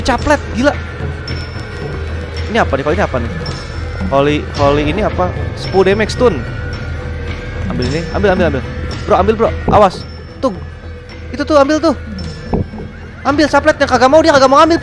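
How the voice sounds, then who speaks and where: A young man giving excitable, slangy let's-play commentary as a gaming YouTuber, reading game text aloud. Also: high-pitched. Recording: music playing behind.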